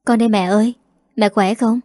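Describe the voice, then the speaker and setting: A woman voicing a young office worker, a worried daughter who pleads gently, in a mellow dry voice. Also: on the high side, fairly even intonation, fairly quick, no echo, lightly acted.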